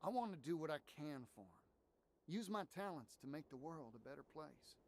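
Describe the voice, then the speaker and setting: An actor playing an idealistic young small-town merchant in a video game, sincere, folksy and determined, with an American Southern accent. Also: male voice, on the high side, lively intonation, moderate pace. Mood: earnest, wistful. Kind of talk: dramatic video game voice acting. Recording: music under the voice.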